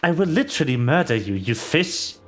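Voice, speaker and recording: A woman streaming a video game from home, chatting casually with relaxed, wry asides to herself. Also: low voice, brisk, soft background music. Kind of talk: casual livestream gameplay chat.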